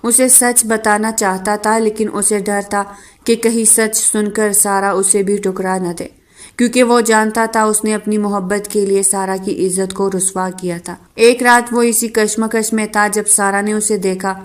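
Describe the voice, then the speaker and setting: A woman narrating a romance novel audiobook at a medium pitch. She reads in a steady, measured way, keeping an even flow through the story.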